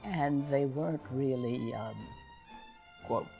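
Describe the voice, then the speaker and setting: A man's voice: medium pitch, takes it slowly, gravelly, dull audio, soft background music. An older man telling stories from his days as a film singer, acting out the lines of the people he quotes. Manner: anecdotal, acts out quoted dialogue. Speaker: interviewee, former film singer. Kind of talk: storytelling reminiscence.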